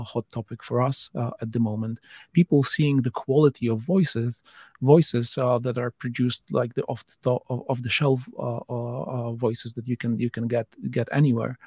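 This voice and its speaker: A man speaking on a podcast panel with a gravelly, husky voice that sounds close and dry. He builds his points slowly, repeating words and restarting phrases as he thinks them through. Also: mid-range voice, darkish tone, dry recording. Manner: thinks aloud with many restarts and fillers. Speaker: podcast guest, voice tech company founder. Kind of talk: casual panel discussion.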